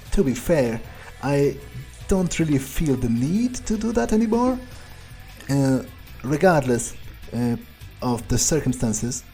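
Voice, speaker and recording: In his mellow, mid-range voice, a man streaming a game stays in character as a cold, cynical male vampire with a casually murderous streak. He thinks aloud through the playthrough in a nonchalant, halting, hesitant way.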